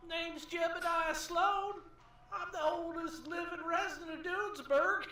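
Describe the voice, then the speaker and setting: A man's voice: very high voice, steady tone, measured pace, pushed and bright, very echoey, distant mic, full character voice. A man voicing a cackling, crotchety, very old American prospector with a folksy drawl in an adventure game. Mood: boastful, amused. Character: cranky, cackling 136-year-old male prospector.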